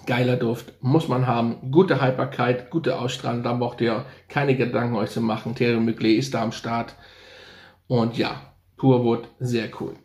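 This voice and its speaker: Man, casual unscripted product review, thinks aloud, keen slang praise, medium pitch, roomy echo. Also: steady tone, moderate pace, darkish tone. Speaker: fragrance reviewer.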